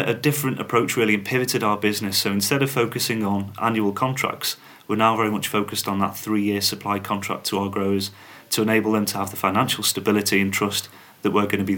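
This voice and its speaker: Man, low voice, podcast guest, steady corporate tone. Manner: measured, corporate, uses fillers. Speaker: podcast guest, company spokesman. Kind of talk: interview answers.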